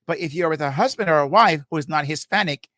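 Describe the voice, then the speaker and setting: A man teaches couples in a rapid, emphatic style, repeating key phrases like a preacher. His voice sits on the higher side for a man. The sound is close and completely dry. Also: a bit bright, dry recording. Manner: fast-talking, emphatic, preacher-like repetition; quotes Bible verses, chuckles often. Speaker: marriage podcast host. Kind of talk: live teaching on marriage.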